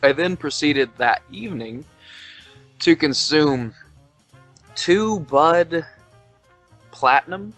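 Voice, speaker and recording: A man's voice: fairly high pitch, expressive, slow pace, pauses often, a bit bright. Tipsy young male podcast host, rambles and swears, faint music bed. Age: 20s. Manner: loose, rambling, swearing, reading aloud with mock quoting. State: drunk. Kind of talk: tipsy casual podcast chat. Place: indoors at home, Tennessee.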